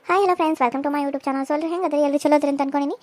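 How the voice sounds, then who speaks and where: A woman's voice: high voice, fairly even intonation, very fast, darkish tone. A woman hosting her cartoon channel, chatty and pleading for views. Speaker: channel host. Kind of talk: casual outro appeal.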